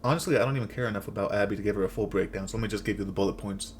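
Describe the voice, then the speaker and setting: Speaking very fast in a low voice, a man narrates a scripted, comedic rant recap of a video game as host. His jokes are sarcastic, crude and slangy. Slight background noise can be heard.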